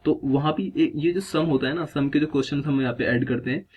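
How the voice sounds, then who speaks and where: A man's voice: on the high side, fairly quick, a little mellow, slight background noise. A man teaching a vocabulary lesson, explaining word by word and asking himself questions as he goes. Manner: repeats "theek hai" and asks himself questions as he explains. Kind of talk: explanatory lesson in Hindi mixed with English terms.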